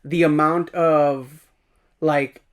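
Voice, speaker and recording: A man's voice: fairly high pitch, steady tone, extremely slow. A man co-hosting a casual review podcast, recapping the plot with energy and acting out the characters' lines. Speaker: podcast co-host.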